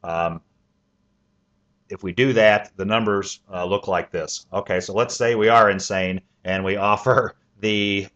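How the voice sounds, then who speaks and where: A man working as a mortgage loan officer, giving a sales pitch that walks through a financing plan step by step, with frequent "uh" and "um" fillers. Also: steady tone, unhurried, fairly bright tone. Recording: dull lo-fi recording.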